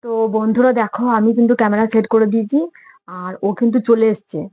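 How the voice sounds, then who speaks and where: A young woman prank vlogger talking casually and rapidly to her viewers from home. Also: on the high side, level tone, highs cut off, background noise. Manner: chatty, rapid, addresses viewers directly. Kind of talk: casual vlog talk to viewers.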